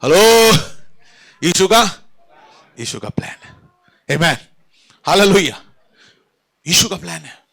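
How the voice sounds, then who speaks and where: A man's voice: sits high, animated, a little slow, vocal fry, pauses often, bright, forceful tone, breathy edge. A man preaching a sermon at a church service, fervent, calling out to the congregation and mixing in English phrases. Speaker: pastor.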